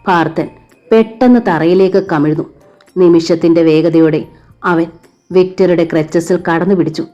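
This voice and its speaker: A woman narrating a crime thriller novel in a dramatic, measured reading. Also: on the low side, warm tone. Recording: dull lo-fi recording with faint music.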